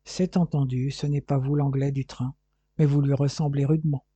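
A man's voice: mid-range voice, level tone, moderate pace, warm tone, husky, dry recording, lightly acted. A man voicing a touchy, indignant French police inspector in an audiobook. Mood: defensive.

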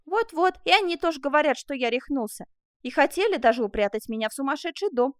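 A woman voicing an excitable young man who exclaims in agitation, in a storybook reading. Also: high voice, quick pace, dry recording, studio quality, voice pushed up. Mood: pleading.

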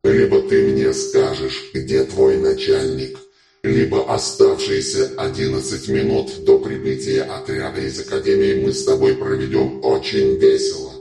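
A man reading a story aloud and voicing a menacing, mocking torturer speaking through a communicator, slow and creepy. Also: very deep voice, little pitch movement, voice pushed down. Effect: voice through a communicator, distant and echoing. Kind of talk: audiobook reading. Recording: echoey with loud music behind.

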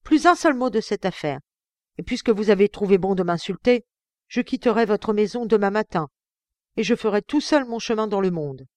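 A woman's voice: mid-range voice, lively intonation, normal speed, no room sound, clean studio sound, voice pushed up, lightly acted. A woman voicing a proud, accused young man who answers curtly and defiantly, in an audiobook. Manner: curt and defiant.

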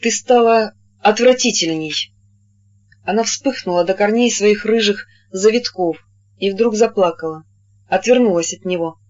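An audiobook narrator reading literary prose in a measured, even manner, with a voice in a middle register. The recording is muffled and lo-fi, with a dull top end. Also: mid-range voice. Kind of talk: scripted narration.

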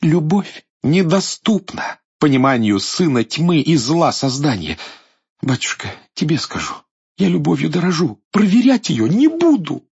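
A man's voice: fairly high pitch, sing-song, measured pace, vocal fry, a little mellow, husky, highs cut off, voice pushed up, full character voice. A man voicing a proud, scornful young princess in a verse fairy-tale play.

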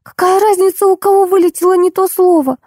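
A woman reading an audiobook, voicing a bossy, sensible teenage daughter with a high, insistent voice. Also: level tone, fairly quick, a little mellow, no echo, studio quality. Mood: urgent.

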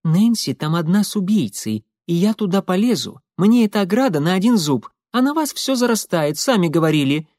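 A man reading an audiobook and voicing a bold, practical young woman who talks in a brisk, commanding, matter-of-fact way. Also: high-pitched, very animated, a little mellow, no echo, studio quality, pitched above the performer's own voice. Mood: insistent. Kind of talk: audiobook character voice.

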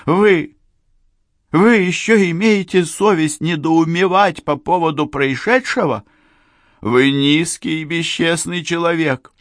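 A man doing a shrill, indignant society lady. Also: a little slow, fairly bright tone, no echo, studio quality. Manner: raised, shrill accusing tone. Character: indignant society woman, theatrical, scolding.

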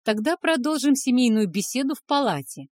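A wry older dragon brother takes charge with loud, mocking authority, played by a woman reading aloud. He scolds with an ironic edge. The sound is dry and close. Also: a little high, big pitch swings, fairly quick, no room sound, voice pushed up. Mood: scolding.

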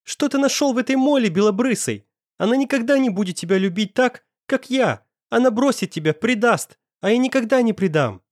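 A man voicing a hysterical, heartbroken young woman who stammers and pleads in a shrill, tearful voice. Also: moderate pace, darkish tone, no echo, clean studio sound, close to an everyday voice.

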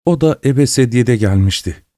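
A man's voice: mid-range voice, lively intonation, moderate pace, mellow, no echo, clean studio sound, lightly acted. A man voicing a gossipy old spinster woman who giggles and exclaims, in a storybook reading. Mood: gossiping.

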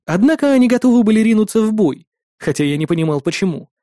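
An audiobook narrator reading a first-person fantasy story with steady, lightly dramatic storytelling. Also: medium pitch, fast talker, no echo, clean studio sound.

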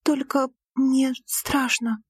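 A woman reading an audiobook, voicing a naive, devoted young bride in a higher, earnest, emotional tone. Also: level tone, extremely slow, slightly rough, dry recording, studio quality, heavily acted.

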